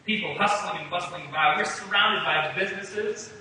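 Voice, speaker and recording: High, bright-voiced man preaching in an echoey hall. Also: normal speed, recorded from a distance, a little hiss or hum. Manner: emphatic, paraphrases scripture in a casual voice. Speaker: pastor. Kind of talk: sermon. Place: church sanctuary.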